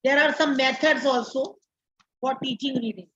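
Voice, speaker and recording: Indian woman teacher, high voice, slow deliberate delivery, repeats terms for students; dull lo-fi classroom recording. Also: steady tone, fairly bright tone. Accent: Indian English. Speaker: teacher educator. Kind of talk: classroom lecture.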